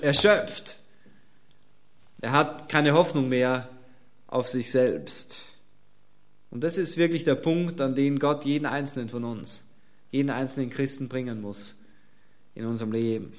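A man's voice: medium pitch, a little slow, long pauses. A man preaching a sermon, speaking emphatically and pressing his listeners with repeated rhetorical questions.

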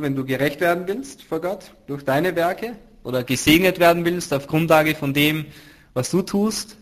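A man teaching a Bible study in sermon style, earnest and emphatic, swinging from loud stresses to hushed drops. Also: a little high.

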